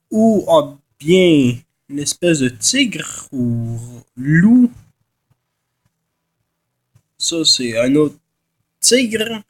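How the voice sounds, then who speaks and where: A man with a Québécois accent and a nasal voice, congested from a cold, giving a casual, halting game tutorial in which he often repeats and corrects himself. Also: high-pitched. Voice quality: nasal from a blocked nose. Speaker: gaming video host.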